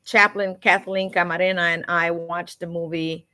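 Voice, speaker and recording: A woman's voice: fairly low pitch, little pitch movement, normal speed. A woman hosting a community radio show, moving between English and Spanish as she introduces a call-in guest. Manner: warm-up chatter, switches between English and Spanish. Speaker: radio host.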